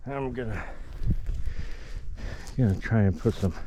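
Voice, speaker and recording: Guy mumbling to himself fixing fence outside, slowish and lowish, noisy field behind. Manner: muttering to himself, grumbling asides. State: out of breath. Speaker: farm vlogger. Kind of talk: casual narration while working. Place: muddy outdoor pasture.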